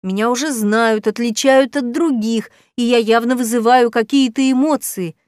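Woman reading as a bright, self-assured heroine. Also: fairly high pitch, steady tone, normal speed, smooth, dry recording, studio quality, close to an everyday voice. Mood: upbeat. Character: cheerful, self-assured young woman helper. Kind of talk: audiobook character reading.

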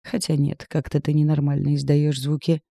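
A man voicing a fiery, sharp-tongued young village woman in an audiobook, scolding and sarcastic with a raised voice. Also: a little high, completely flat delivery, normal speed, creaky, no echo, studio quality. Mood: angry scolding. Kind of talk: audiobook character reading.

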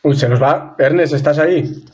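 A man's voice: on the high side, normal speed, darkish tone, dull audio. A man hosting a casual podcast, teasing his friends with swearing and laughter. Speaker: host.

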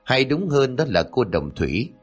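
A man's voice: medium pitch, very animated, moderate pace, slightly rough, faint music behind, pitched above the performer's own voice. A man voicing a cold, accusing masked woman who confronts the wrongdoers in a horror story.

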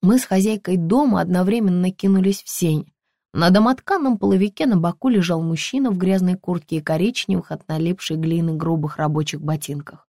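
Brief: female audiobook narrator, measured first-person reading, dead-dry studio. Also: on the low side, mellow, no echo.

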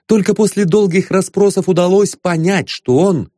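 A man narrating a satirical novel in an expressive, gently mocking storytelling manner. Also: sits high, normal speed, no echo, studio quality. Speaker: audiobook narrator.

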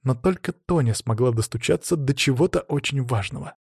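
A man narrating an audiobook in a measured, even storytelling manner, close to the mic. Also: medium pitch, breathy edge, no room sound. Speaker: audiobook reader. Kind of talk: scripted narration.

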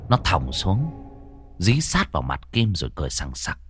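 A man narrating a horror story in an expressive, dramatic way. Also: low voice, moderate pace, music in the background.

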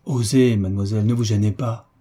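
A man voicing a courteous young officer who teases gently at a ball. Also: fairly low pitch, steady tone, brisk, husky. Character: young male officer, polite and teasing.

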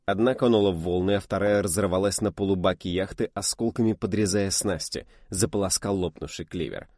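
A man narrating an audiobook in a steady, even storytelling manner. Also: deep voice, brisk, no echo, clean studio sound. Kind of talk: scripted narration.

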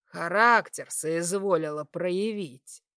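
A woman voicing a cruel, mocking young male satyr who taunts and threatens in a lowered, sneering voice. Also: takes it slowly, a bit bright, dry recording, studio quality.

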